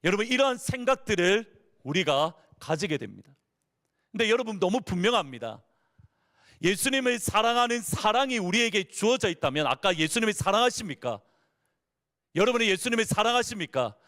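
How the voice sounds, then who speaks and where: A pastor delivering a sermon from the pulpit, his voice pitched high and swinging widely up and down. He keeps turning to the congregation with questions and answers them himself. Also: a little fast. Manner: expressive preaching with rhetorical questions to the congregation. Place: church sanctuary.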